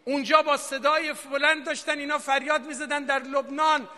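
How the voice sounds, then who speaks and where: A man preaching an impassioned political Friday sermon, rising to shouted declamation from the pulpit. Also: extremely high pitch, flat delivery. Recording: long reverb of a large hall.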